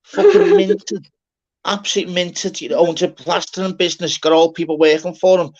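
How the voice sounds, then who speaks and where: A man's voice: on the high side, fairly even intonation, brisk. A man with a Liverpool accent in casual, sweary banter, talking in rambling, repetitive, broken-up sentences. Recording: dull lo-fi audio.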